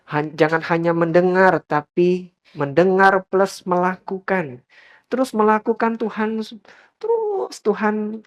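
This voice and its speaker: Lively man preaching a sermon. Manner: lively, rising to high emphatic peaks, addressing the congregation often. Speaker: pastor.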